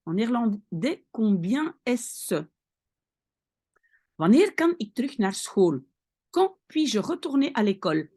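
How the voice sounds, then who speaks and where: A woman teaching vocabulary in an online lesson. She explains patiently, reads each phrase slowly, translates it, and often checks in with "d'accord?". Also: a little high, sing-song, warm tone. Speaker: language teacher.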